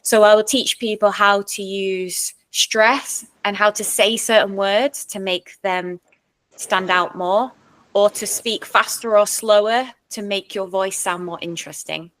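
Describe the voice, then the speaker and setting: A woman's voice: mid-range voice, steady tone, a little slow, fairly bright tone. Woman coach explaining in ordered points. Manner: clear, structured explanations with numbered points; sometimes demonstrates techniques in her own voice. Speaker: speaking coach and speech therapist. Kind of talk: expert answering interview questions.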